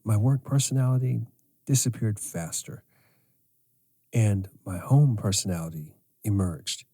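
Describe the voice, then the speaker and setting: A middle-aged man hosting a podcast as a sleep coach, speaking in a slow, measured way. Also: fairly low pitch, warm tone. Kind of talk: scripted podcast monologue.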